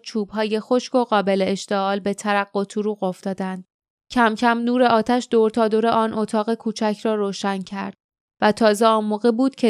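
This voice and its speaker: A woman narrating a fantasy audiobook in a steady, measured storytelling manner, close to the mic in a booth. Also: medium pitch, clean tone, dry recording. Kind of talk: scripted narration.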